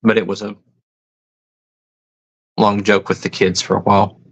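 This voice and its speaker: A man's voice: lowish voice, level tone, a little slow, rough recording. A man hosting a casual livestream, reading viewer comments and musing aloud, often stopping to rethink his words. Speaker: livestream host.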